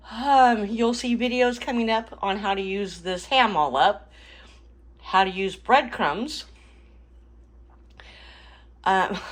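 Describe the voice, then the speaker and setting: Middle-aged lady chatting thru her kitchen chores, casual and laughy, lots of ums, normal pitch. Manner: chatty, relaxed, many fillers and little laughs. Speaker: cooking channel host. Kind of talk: casual kitchen vlog narration. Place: home kitchen.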